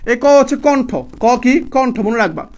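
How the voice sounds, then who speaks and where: A young man teaching a live exam-prep class, repeating points and quizzing students with quick questions in a casual, brotherly way. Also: very high voice, animated, creaky, darkish tone. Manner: repetitive, drilling students with quick questions and answers; colloquial, addresses students as brother.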